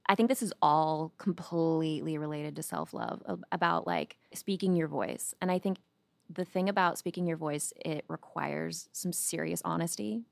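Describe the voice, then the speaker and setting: A woman's voice: sits low, normal speed, creaky, dry recording. A woman chatting casually on a podcast, using lots of fillers and laughing easily.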